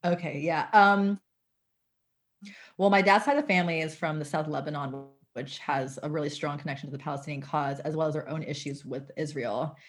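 Young woman, interview guest, earnest and conversational, low voice. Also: fairly even intonation, a little fast. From United States.

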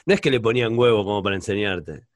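A man's voice: on the low side, fast talker, no room sound, studio quality. A man with a Rioplatense Spanish accent interviewing a guest, reacting with enthusiasm and casual slang. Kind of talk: conversational interview.

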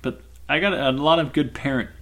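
A man's voice: mid-range voice, a little fast, a bit bright. A young man in his twenties, co-hosting a podcast and telling rambling stories with lots of fillers. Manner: rambling storyteller, fillers, laughs a lot. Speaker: podcast co-host. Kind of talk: casual chat.

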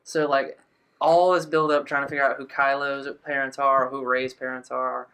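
Bright-voiced young man, animated chatter. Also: mid-range voice, moderate pace, clean tone. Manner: animated, says like often. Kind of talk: casual group chat.

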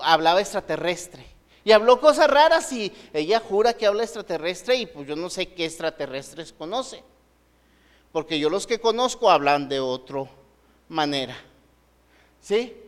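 High-voiced man preaching in a reverberant hall. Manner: conversational preaching with rhetorical questions to the congregation. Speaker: pastor. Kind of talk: sermon.

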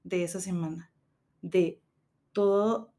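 Speaking slowly in a fairly low, dark voice, this podcast host is a woman in her thirties with a Mexican accent. She tells a story in relaxed conversation, full of slang and free swearing, performing the quoted lines.

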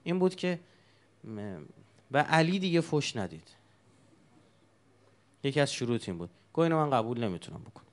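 A man's voice: mid-range voice, sing-song, pauses often. A man preaching a sermon, telling stories with emotion and asking the congregation rhetorical questions.

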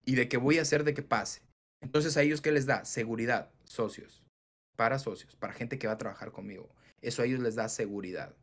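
A man in casual interview talk, animated, swearing casually and acting out the dialogue he quotes. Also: medium pitch, fairly quick. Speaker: entrepreneur guest.

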